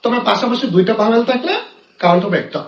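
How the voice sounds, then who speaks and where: Male tutor with a very high voice, quizzing his class casually in a roomy, lo-fi recording. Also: very fast. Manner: asks questions and answers them himself; casual, addresses students directly. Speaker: teacher. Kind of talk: grammar lesson. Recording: echoey room, dull lo-fi sound.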